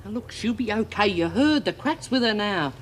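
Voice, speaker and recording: A woman's voice: medium pitch, expressive, normal speed, noisy background, lightly acted. An actress playing a curt, bossy, self-serving woman prisoner with an Australian accent in a television prison drama. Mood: bargaining.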